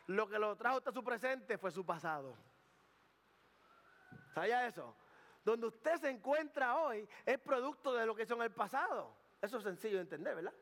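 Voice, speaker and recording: A male pastor delivers a casual, humorous sermon with a notably high voice. He stammers, repeats himself and mixes in English phrases. The sound carries a long reverb, like a large church hall. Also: fairly bright tone. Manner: conversational preaching with jokes and asides; slips in English words.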